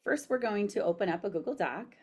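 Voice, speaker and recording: A woman's voice: mid-range voice, animated, brisk, a little mellow, breathy edge. A woman giving an instructional demo, dictating sentences aloud in the manner of someone speaking for voice typing.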